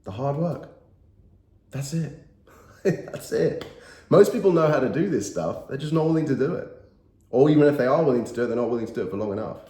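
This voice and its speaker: Warm and mid-range, this man's voice carries a cold's nasal quality as the thirtysomething YouTuber delivers an emphatic, earnest motivational talk to camera, circling back to his key phrases. There's a roomy echo.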